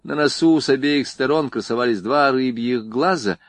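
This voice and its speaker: A man narrating a novel in an expressive audiobook reading. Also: medium pitch, moderate pace, dry recording. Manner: expressive storytelling. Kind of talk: scripted narration.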